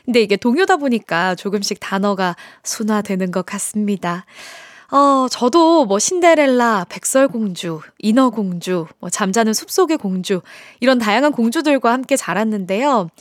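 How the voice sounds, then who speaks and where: A woman hosting a radio music quiz in an animated game show host manner, sometimes turning sing-song. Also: medium pitch, moderate pace, dry recording, clean studio sound.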